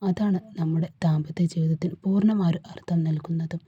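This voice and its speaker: A woman's voice: fairly low pitch, steady tone, a little fast, dark tone, breathy edge, dry recording, muffled recording. A woman reading a storybook part of a hurt young husband who pleads with his wife. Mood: wounded.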